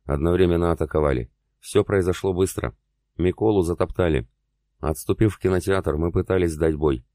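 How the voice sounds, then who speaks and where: A man voicing a frightened male survivor in an audiobook, speaking in a hushed and halting way. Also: deep voice, no echo, studio quality, natural voice. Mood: tense.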